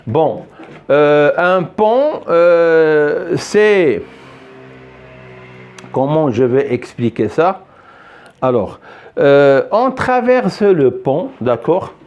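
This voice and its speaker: A man gives a slow, patient phonics lesson, repeating each word and praising often. His pitch sits a little high and swings widely. The recording sounds slightly dull and lo-fi. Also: big pitch swings, a little mellow, soft background music. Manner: patient, repeats words many times, praises with "très bien". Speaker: French teacher.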